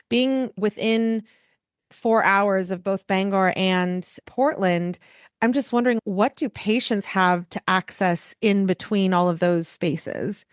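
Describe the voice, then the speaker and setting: A woman's voice: medium pitch, no echo, studio quality. Enthusiastic woman podcast host. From California. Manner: enthusiastic, gushing. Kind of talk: podcast interview.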